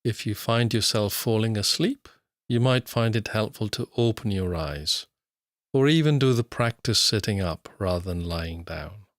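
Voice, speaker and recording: A man with a fairly low voice leads a guided body scan meditation, narrating slowly in short, measured instructions with long, unhurried pauses. The recording is dry, with very little room sound and no echo.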